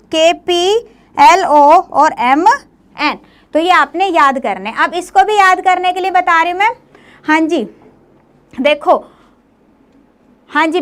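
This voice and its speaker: A woman's voice: extremely high pitch, fairly bright tone. A woman teacher giving a classroom lecture, often coaxing her students with questions as she goes. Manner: coaxing, often asks "clear, beta?".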